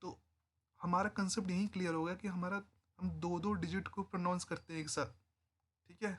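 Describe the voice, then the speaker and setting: Speaking a little fast in a high voice with fairly even intonation, a man walks through a spreadsheet tutorial. He keeps it casual and chatty, explaining each step and regularly checking in with whoever's watching.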